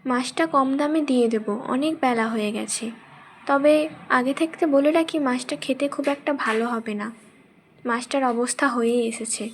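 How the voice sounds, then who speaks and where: A weary market fish seller in a cartoon story, voiced by a woman, dropping to a quieter, slower delivery. Frank and tired. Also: slight background noise. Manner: low-key, frank.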